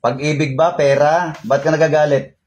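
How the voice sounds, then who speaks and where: A man's voice: a little high, little pitch movement, moderate pace, a little mellow, a little hiss or hum. A man leading a remote healing prayer over a call, chanting prayers and then questioning a spirit in a commanding voice, repeating his questions. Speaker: faith healer.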